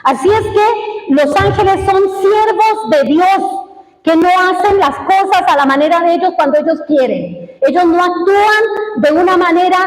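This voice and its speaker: A woman with a high voice preaches a sermon, telling a personal story with emotional, dramatic swings. Her voice rings out in a church hall with a long, roomy echo. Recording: echoey hall.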